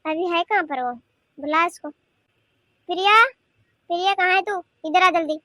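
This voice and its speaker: A woman voicing a bossy, sharp-tongued grandmother in a cartoon, nagging and scolding. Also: high voice, a little fast, no echo, studio quality. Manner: scolding, nagging rhetorical questions. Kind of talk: cartoon voice acting.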